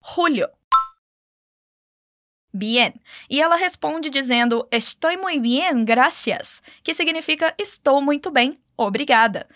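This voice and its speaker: A woman's voice: high voice, measured pace, fairly bright tone, no echo, clean studio sound. A woman teaching Spanish phrases, patiently modeling words and encouraging the listener to repeat. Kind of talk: language lesson narration.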